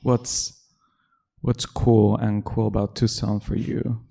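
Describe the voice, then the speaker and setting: A man interviewing a poet, asking questions in a gentle, affirming, measured way. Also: on the low side, little pitch movement, gravelly.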